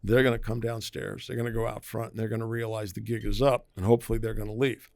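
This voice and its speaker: A man's voice: on the low side, flat delivery, quick pace, a little mellow, no echo. A man, a private investigator, talking through safety tips in a conversational podcast interview, often acting out quoted voices. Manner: conversational, acts out quoted voices, emphatic warnings.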